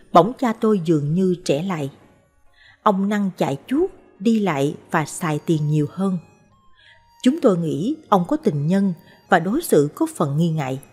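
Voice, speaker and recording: A woman narrating short life stories in a calm, measured, scripted way. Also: on the low side, husky. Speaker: storyteller. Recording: soft background music.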